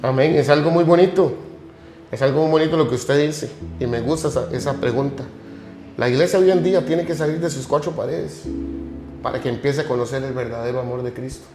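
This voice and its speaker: A man's voice: mid-range voice, fairly quick. A man hosting a church podcast, preaching fervently and piling up rhetorical questions. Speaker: podcast host. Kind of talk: sermon-like commentary. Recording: echoey room with music behind.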